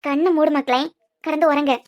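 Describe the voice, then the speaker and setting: A woman voicing a gentle elderly grandmother in a cartoon series, speaking with a Kanyakumari accent in a coaxing, motherly, scolding way. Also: high voice, steady tone, a little fast, pitched below the performer's own voice, natural voice. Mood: soothing. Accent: Kanyakumari Tamil. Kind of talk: cartoon web series voice acting.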